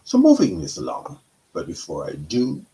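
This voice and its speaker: This talk show host, a middle-aged Guyanese counselor, speaks slowly and deliberately in a monologue, pausing and correcting himself along the way. His low-pitched voice has a dark tone and wildly swooping pitch, and the audio quality is poor.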